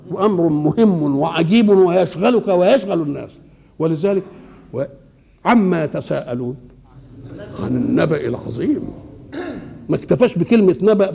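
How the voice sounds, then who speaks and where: An older man with an Egyptian Arabic accent, explaining scripture while seated, asking questions and answering them himself in a lively colloquial way. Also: a little high, gravelly. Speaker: Islamic scholar. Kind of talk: Quran exegesis lesson. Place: seated indoors.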